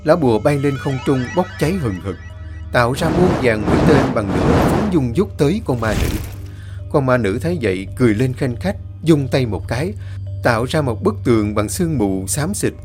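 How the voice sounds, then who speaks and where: Guy narrating a ghost story, pitch all over the place, bit of music behind. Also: normal speed. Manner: lively narration, voicing each character.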